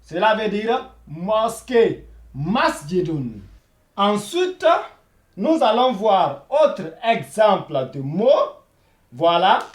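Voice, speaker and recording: A man teaching a beginners' Arabic video lesson, repeating each word slowly and saying "voilà" and "hein" all the time. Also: sits high, very animated, reverberant. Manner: slow and repetitive, repeating each word many times; says "voilà" and "hein" constantly.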